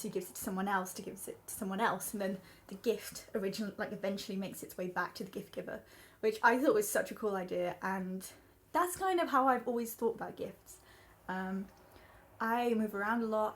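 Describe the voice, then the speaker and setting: A young woman talks casually to her laptop camera from her room at home, sitting right up against the built-in mic. She rambles in a chatty, self-deprecating way, with plenty of fillers and small laughs. It sounds like an easygoing book vlog. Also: mid-range voice. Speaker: book vlogger. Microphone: built-in laptop mic, sitting very close.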